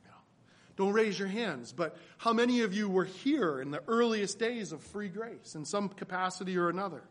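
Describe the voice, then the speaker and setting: A man preaching a sermon as pastor, building to loud emphatic peaks and then dropping soft and low. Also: lively intonation, moderate pace.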